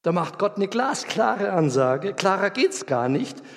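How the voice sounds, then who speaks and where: A man preaching a sermon in a lively, colloquial way, acting out the scenes he tells. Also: high-pitched, measured pace, creaky. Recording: reverberant hall.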